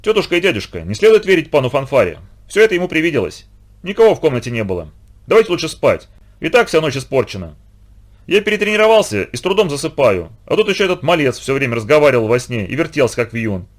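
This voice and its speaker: A man's voice: on the high side, very animated, fast. A man voicing a cocky, mocking young male athlete. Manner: mocking, dismissive. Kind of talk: audiobook character voice.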